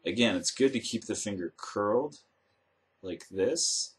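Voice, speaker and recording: Using a fairly low voice with lively intonation, a male teacher demonstrates guitar step by step and explains in a measured, methodical manner. He's inside a room with instruments while acoustic guitar notes and plucking play around his words.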